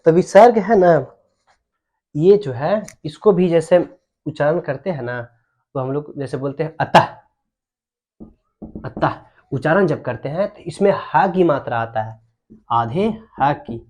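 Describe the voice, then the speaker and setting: A man's voice: a little high, a little mellow. A young man teaching a Hindi grammar lesson, explaining patiently and often checking whether the students follow. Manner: explains slowly, checks understanding with repeated questions.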